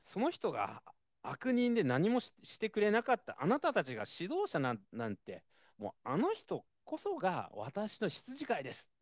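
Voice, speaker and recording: A man's voice: sits high, huge pitch swings, moderate pace, no echo, clean studio sound, pitched above the performer's own voice, full character voice. A man voicing a formerly blind man who answers his accusers in disbelief. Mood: incredulous. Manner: incredulous, emphatic. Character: healed formerly blind man, incredulous and defiant.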